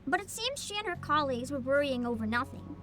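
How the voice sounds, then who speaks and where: A woman gives casual, animated commentary on a story game and reads its narration aloud. Her voice is high and very lively in pitch, with clear music behind her. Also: fast. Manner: animated, giggly. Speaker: streamer playing a story game.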